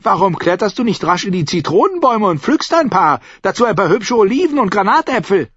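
A male reader voicing a huge, ugly, bossy innkeeper woman who scolds and shouts in a shrill voice. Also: very animated, brisk, husky, no room sound, muffled recording, exaggerated voice.

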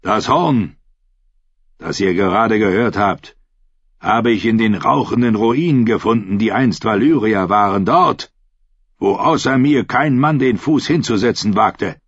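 A man voicing a cunning, commanding pirate king in an audiobook, speaking slow and low. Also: breathy edge, no echo, lo-fi sound.

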